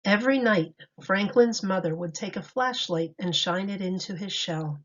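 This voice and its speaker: A woman's voice: mid-range voice, moderate pace, fairly bright tone. A woman teacher reading a picture book aloud to young children in storytime style. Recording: dull lo-fi recording.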